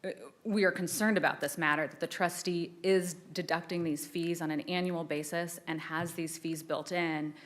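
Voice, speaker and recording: Low-voiced woman arguing in court. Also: fairly even intonation. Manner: measured, formal, answers questions with some restarts. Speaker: assistant attorney general arguing an appeal. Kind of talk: courtroom oral argument.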